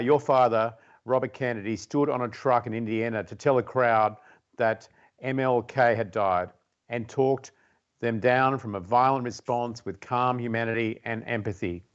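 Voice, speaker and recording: Male moderator, brisk and businesslike, reading questions over a muffled lo-fi video call. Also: mid-range voice.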